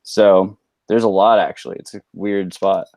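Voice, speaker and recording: A man's voice: lowish voice, steady tone, normal speed, darkish tone, dry recording. A man from California, a guest chatting casually on a video call, rambling through long digressions. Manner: rambling, digressive, many fillers. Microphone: earpiece on a video call.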